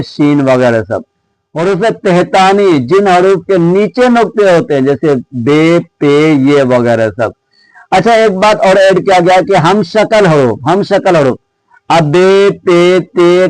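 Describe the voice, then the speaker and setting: Male teacher, unhurried, asks and answers his own questions, dry close sound. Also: fairly high pitch, a little mellow, no room sound, poor audio. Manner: slow and patient, poses questions and answers them himself; reads out lists of letter names one by one. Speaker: Urdu grammar teacher. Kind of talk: exam-prep lesson.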